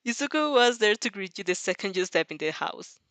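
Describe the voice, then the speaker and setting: A woman reads fan fiction aloud with plenty of expression, breaking off for casual reaction asides to her listeners. Her mid-range voice is a bit bright, fairly quick and lively in intonation. There is no echo.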